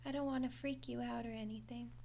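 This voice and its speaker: In an audio roleplay monologue addressed to the listener, a woman plays a friendly, awkward undead skeleton girl who is chatty and hesitant with a wry, defensive streak, coming across friendly and sheepish. She talks fast in a slightly high, steady voice that is gravelly and a little mellow. There's a little hiss or hum on the recording.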